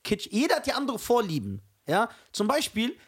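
A man co-hosting a podcast in casual chat, telling stories with animated emphasis. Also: very high-pitched, normal speed, husky. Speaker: podcast co-host.

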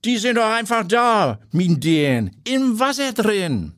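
High, sing-song voices for two homely old women chatting at the beach. They gossip in a folksy, drawn-out way, pitched well above his own voice, in a dry close reading. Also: big pitch swings, fairly bright tone, dry recording, heavily acted. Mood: gossipy.

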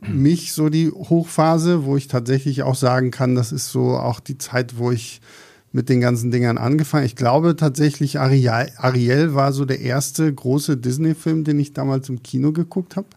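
A man's voice: mid-range voice, fairly even intonation, moderate pace, creaky, warm tone. A middle-aged man, hosting a film podcast in casual conversation.

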